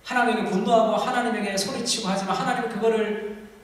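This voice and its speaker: A man's voice: high voice, steady tone, fast talker. Male pastor, passionate sermon delivery, distant mic in a reverberant hall. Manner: impassioned, acts out quoted prayers loudly. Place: church sanctuary. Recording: echoey hall, voice from far off.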